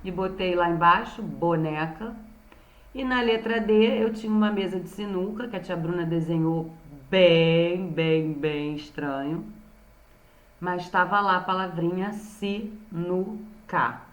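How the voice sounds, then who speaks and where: A woman's voice: on the low side, a little slow. A woman with a Brazilian Portuguese accent, a primary school teacher recapping a remote lesson for young children and patiently sounding out words syllable by syllable. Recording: roomy echo.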